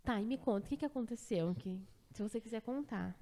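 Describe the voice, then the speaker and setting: A woman's voice: on the high side, fast, mellow. A woman hosting a podcast who attends births, giving reassuring advice and asking her guest questions. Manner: reassuring, advising. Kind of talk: casual interview.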